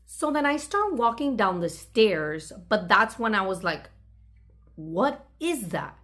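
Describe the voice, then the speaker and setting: The host of a video channel relates a personal story in a relaxed, chatty manner, voicing bits of dialogue herself. Her medium-pitched voice is slightly bright, sing-song, and unhurried.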